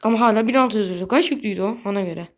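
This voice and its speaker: A woman giving casual gameplay commentary in a blunt, slangy way, quick to get annoyed. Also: medium pitch. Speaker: gaming video creator.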